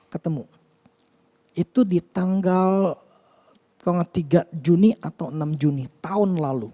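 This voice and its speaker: A man's voice: on the high side, dark tone. A male pastor giving a conversational, earnest sermon, often hesitating and restarting with fillers. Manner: earnest, confessional.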